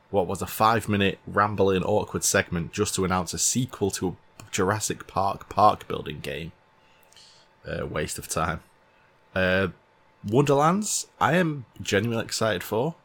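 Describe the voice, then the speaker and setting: A man's voice: sits low, moderate pace, gravelly, a bit bright. A man reacting to a game showcase in blunt, sardonic casual commentary. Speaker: streamer.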